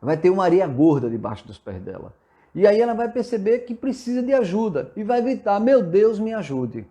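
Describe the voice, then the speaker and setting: A man's voice: high voice, animated, fairly quick, mellow. A man with a Brazilian Portuguese accent giving an earnest live sermon-style talk, reading viewer comments aloud and answering them. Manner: earnest and exhortative, reads out viewer comments and replies. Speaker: spiritist preacher hosting a live session. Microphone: livestream from a phone or computer.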